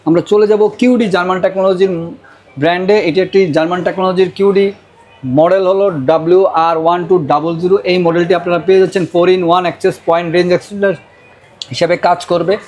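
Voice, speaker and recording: A Bangladeshi man gives a hard-sell sales pitch in a high voice. He rattles along quickly as the presenter, insistently repeating prices and offers. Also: level tone, darkish tone. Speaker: router seller presenting deals.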